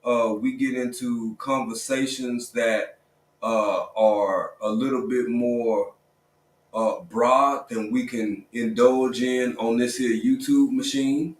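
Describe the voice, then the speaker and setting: A man hosting a casual livestream, talking in a relaxed, conversational way with lots of quick affirmations. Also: medium pitch, recorded from a distance. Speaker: livestream host. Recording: roomy sound, a bit off-mic.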